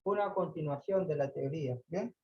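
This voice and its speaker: A man's voice: fairly high pitch, normal speed, dull audio, a little hiss or hum. A man teaching a math class online, explaining patiently, repeating points and checking that students follow.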